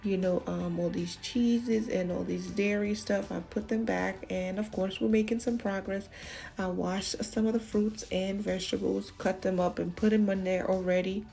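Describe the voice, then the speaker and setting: This vlogger's voice is mid-range, gravelly and mellow, with fairly even intonation at a normal speed. She gives casual, chatty voice-over narration of cleaning, speaking to viewers directly and sharing encouraging home organization tips.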